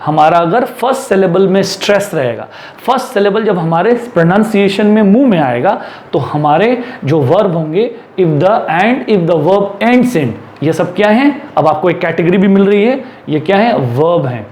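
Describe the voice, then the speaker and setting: A man teaching English spelling rules in a classroom-style lesson, reading the English rules slowly and drawn out, then explaining quickly in Hindi. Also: high voice, animated, darkish tone. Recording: echoey room with faint background noise.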